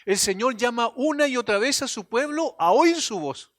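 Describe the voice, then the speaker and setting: A man preaching a sermon as a pastor, earnest, swinging between emphatic lines and hushed drops, sometimes repeating and restarting phrases. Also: extremely high pitch, expressive, moderate pace, dry recording, studio quality.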